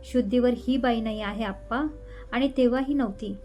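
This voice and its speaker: A woman storyteller voicing a furious young man who shouts bitter accusations at his former love. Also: fairly high pitch, moderate pace, slight background noise, lightly acted.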